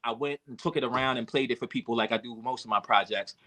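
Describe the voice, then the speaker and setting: Man, bright tense voice, candid rambling storytelling, emotional. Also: mid-range voice, fast talker. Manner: emotional, reflective, many fillers and restarts. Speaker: podcast guest, rapper and producer.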